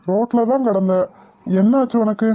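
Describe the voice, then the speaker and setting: A woman voicing a steady cartoon husband. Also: on the high side, lightly acted. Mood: calm, concerned. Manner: reassuring, measured. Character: calm middle-aged village husband, steady. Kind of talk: cartoon voice acting.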